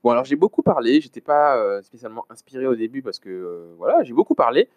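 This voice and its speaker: Guy doing a solo podcast, rambly and hesitant, keeps restarting, mellow warm tone. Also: medium pitch, sing-song, quick pace. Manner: rambling, hesitant, many restarts and self-deprecating asides. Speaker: podcast host. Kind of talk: casual solo podcast monologue.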